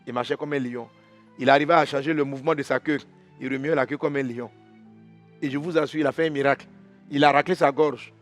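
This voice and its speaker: Lively storytelling preacher. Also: male voice, medium pitch, quick pace, faint music behind. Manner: lively storyteller acting out animals, roaring. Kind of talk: devotional storytelling sermon. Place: church.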